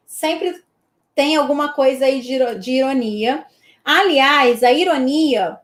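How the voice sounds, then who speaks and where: A woman's voice: high voice, echoey room. A woman from Brazil teaching an online exam-prep lesson in a chatty way, checking in with her students after almost every point.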